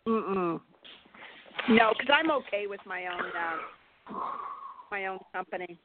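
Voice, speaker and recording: A woman's voice: mid-range voice, lively intonation, a little slow, very noisy. A woman in her sixties from California, calling in to a radio show over the phone, chatty and easygoing. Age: 60s. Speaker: caller. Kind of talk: call-in radio chat. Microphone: telephone. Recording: tinny dry phone line.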